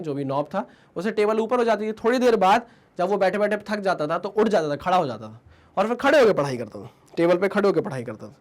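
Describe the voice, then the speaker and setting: A man teaching exam preparation in a conversational, motivational way. He often adds tag questions and acts out inner voices. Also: sits high. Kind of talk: motivational study advice.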